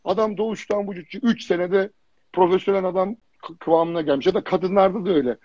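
A man's voice: high-pitched, fairly even intonation, fast talker, a little mellow, dry recording. A man who grew up in Germany, a fitness jury member, chatting casually as a livestream guest, telling stories animatedly with blunt slang and lots of repetition. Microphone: phone or computer on a live video stream. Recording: dull lo-fi livestream audio.

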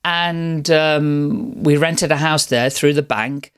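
A middle-aged man tells his own story as a podcast guest. His voice sits a little high for a man, and he rambles warmly from one point to the next, often restarting his sentences. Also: fairly even intonation, takes it slowly, smooth. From Netherlands. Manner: chatty, rambling, with frequent restarts. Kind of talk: casual interview storytelling.

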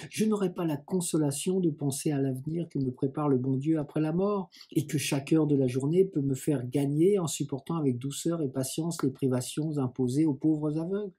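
A man reading the lines of a gentle, pious young blind woman in an audiobook, in a soft, serene, resigned way. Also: a little high, fairly quick, hardly any pauses, breathy edge.

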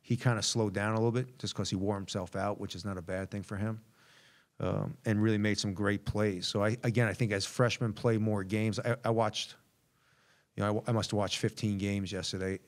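Man, middle-aged, basketball coach, postgame press conference, rambling candid answers, low pitch, flat delivery, table mic. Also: brisk. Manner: candid, rambling, repeats words while thinking.

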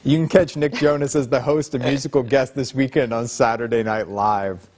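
A man's voice: medium pitch, steady tone, normal speed, darkish tone. A man anchoring TV news in a studio, cracking up in a newsroom blooper.

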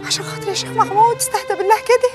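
An actress playing a feisty young village woman, coyly fending off a suitor and pleading to calm a quarrel. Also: very high-pitched, very fast, over music. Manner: coy teasing protests, then anxious pleading. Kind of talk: film acting.

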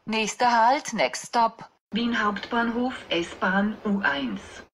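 A woman announces each next stop on board a train. She speaks slowly and formally. Her voice sits slightly high. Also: a bit bright, slight background noise. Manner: formal, crisp station-name announcing.

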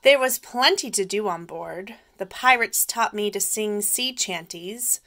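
A woman teacher reading a picture book aloud slowly and clearly for young children. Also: mid-range voice, bright, forceful tone.

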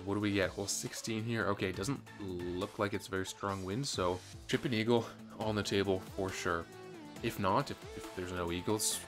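A man giving chatty, upbeat play-by-play commentary on his own game, with some gamer slang. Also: low voice. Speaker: gaming channel host. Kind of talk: casual gameplay commentary. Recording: game music behind voice. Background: game music.

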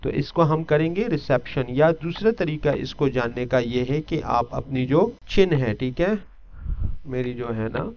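A man teaching an English lesson, explaining step by step and often pausing to check that listeners follow. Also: fairly high pitch. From Pakistan. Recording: dull lo-fi recording.

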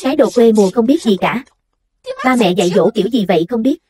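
A woman's voice: a little high, expressive, quick pace, mellow, husky. A woman voicing a harsh, contemptuous woman salon owner who scolds and belittles her new worker, read in a voice-over dub. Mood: scolding.

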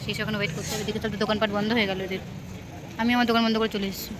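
A woman's voice: medium pitch, flat delivery, racing, background noise. A young woman vlogging in a chatty, rambling way, filming on a phone outdoors near a station at night. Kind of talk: casual vlog narration.

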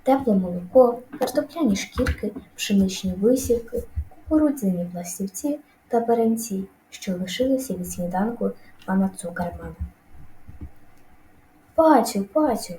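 A woman reading a children's story aloud in a lively, expressive way. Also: mid-range voice, normal speed, roomy sound, slight background noise, low-quality recording. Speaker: audiobook reader. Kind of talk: storybook narration.

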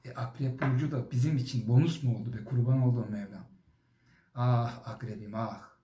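A man's voice: medium pitch, fairly even intonation, brisk, warm tone, reverberant, lo-fi sound, slight background noise. A young man doing a comic monologue to the zodiac signs, teasing and exaggeratedly sweet, with sudden swearing outbursts. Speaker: comedy vlogger.

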